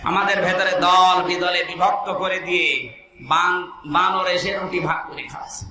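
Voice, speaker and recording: A young man from Bangladesh delivers a fiery sermon outdoors in the rain, his high voice rising to shouts and dipping into chanted verses. The sound booms back through loudspeakers with an echoey ring, and steady noise sits under it. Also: measured pace. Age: 20s. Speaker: preacher.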